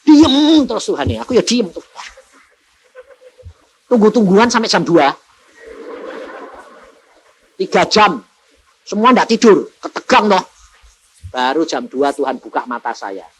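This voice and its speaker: A man preaching an evangelist's sermon, telling a story and acting out its voices with sudden shouts and laughs. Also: high voice, big pitch swings, a little slow, pauses often, breathy edge, rough recording.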